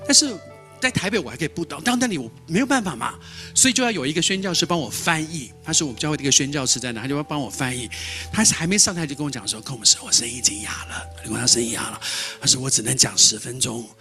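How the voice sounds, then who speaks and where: A man preaching a sermon as a lively storyteller who repeats words and acts out dialogue. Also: on the high side, rapid-fire, faint music behind. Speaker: pastor.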